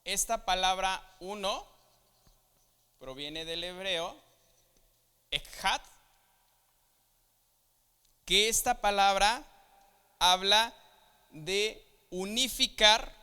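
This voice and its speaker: A man's voice: high voice, extremely slow, long pauses, sharp tone, smooth. A man, preaching a Bible lesson, who explains things step by step and keeps checking that his listeners follow. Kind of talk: Bible teaching. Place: church hall. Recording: long hall reverb.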